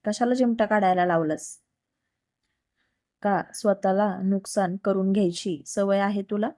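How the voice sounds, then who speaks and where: A woman's voice: mid-range voice, fairly even intonation, measured pace, warm tone, no echo, clean studio sound, lightly acted. A woman voicing a stern scolding young husband. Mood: instructing. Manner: scolding, bossy.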